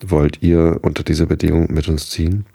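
A man's voice: very deep voice, flat delivery, brisk, vocal fry, warm tone, breathy edge, dry recording, heavily acted. A man voicing a grave male caravan leader of about thirty in a bedtime story reading, solemn and commanding.

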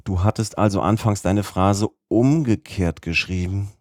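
A man doing Professor Liedenbrock, gruff old scholar. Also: on the low side, measured pace, darkish tone, no room sound, studio quality, voice pushed up, natural voice. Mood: excited. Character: absent-minded, excitable old male professor.

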